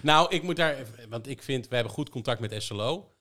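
A man's voice: medium pitch, expressive, a little fast, bright, forceful tone. A man speaks in an explanatory podcast chat with a mid-range voice. He drives his points home through strings of rhetorical questions. His tone is emphatic and practical. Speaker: education software provider.

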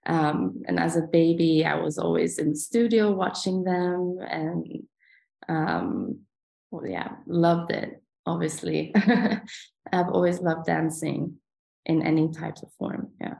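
A woman's voice: lowish voice, slow, vocal fry, darkish tone. A young adult woman from Sweden, a ballet dancer answering interview questions in a hesitant way, with many fillers.

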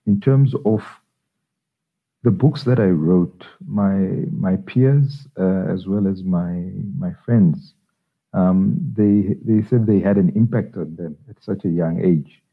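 A middle-aged Zambian children's author answers interview questions in a low, slow, husky voice, with many hesitations and restarts. The audio sounds tinny, like a phone line.

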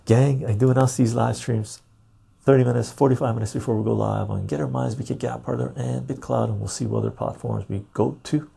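A man hosting a casual live stream in a laid-back, jokey way, with a gravelly, husky voice, recorded on a clip-on lapel mic. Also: mid-range voice, fairly even intonation, brisk, mellow. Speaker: live stream and podcast host. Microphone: lapel mic clipped on.

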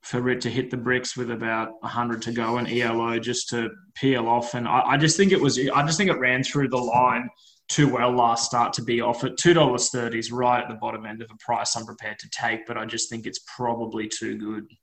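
An Australian man co-hosting as a horse racing tipster, giving casual, informal analysis and often softening it with opinion phrases. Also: medium pitch, little pitch movement, fairly quick, rough recording. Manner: informal, hedging with "I think" and "I reckon".

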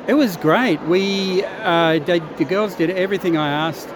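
A man giving casual interview answers as a chorus director, measured and pausing to gather his thoughts. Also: sits high. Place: busy convention venue. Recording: noisy venue recording with ambient hum.

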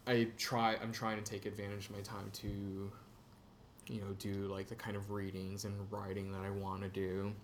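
A man's voice: fairly low pitch, monotone, moderate pace, slight background noise. A young man from Texas, a podcast guest, chatting casually with many "like" and "you know" fillers. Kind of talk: casual conversation. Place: indoor room in Chicago.

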